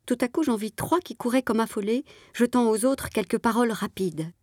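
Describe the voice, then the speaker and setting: A woman's voice: a little high, a little fast, a little mellow, dry recording. Woman reading a literary story, dry sound. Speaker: audiobook reader.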